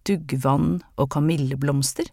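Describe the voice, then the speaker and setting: A narrator voicing a polite, refined young city lady who is lonely and hoarse from a cough, in an audiobook. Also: medium pitch, steady tone, mellow, dry recording, clean studio sound. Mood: curious. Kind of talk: audiobook character reading.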